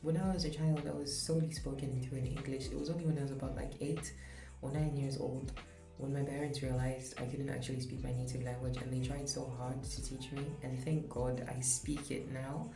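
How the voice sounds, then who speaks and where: A young adult vlogger from Zambia gives an earnest, candid opinion monologue with light laughs, speaking a little fast in a medium-pitched, level voice with vocal fry. The room is echoey, with background music.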